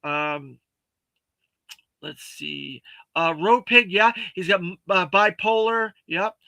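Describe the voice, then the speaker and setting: A man hosting a toy review livestream, chatting casually and reading viewer comments, halting with many fillers and thanking viewers earnestly. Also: sits high, animated, vocal fry, pushed and bright, no echo. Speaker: toy review show host.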